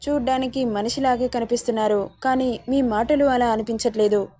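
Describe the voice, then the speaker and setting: A woman's voice: a little high, steady tone, fairly quick, warm tone, no echo, natural voice. A woman voicing a hurt, stubborn young heroine who speaks in reproachful, pleading questions.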